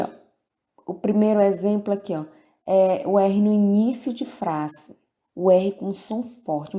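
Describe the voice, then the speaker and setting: A woman with a Brazilian Portuguese accent teaching a grammar lesson to children, speaking slowly and repeating each example word. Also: medium pitch, dark tone. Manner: slow, deliberate, repeats words for the class.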